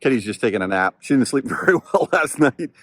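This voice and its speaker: A man's voice: mid-range voice, lively intonation, a little fast, fairly bright tone, dry recording. A middle-aged man hosting a travel vlog, chatting in an enthusiastic, rambling tour-guide way, filmed outdoors and at a seaside eatery on a handheld camera. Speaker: vlog host. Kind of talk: casual travel vlog narration.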